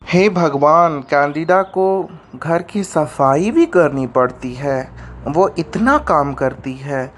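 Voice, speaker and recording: A man voicing a fretful, adoring young man in an animated story, fussing over the woman he loves. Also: fairly high pitch, slow, slight background noise.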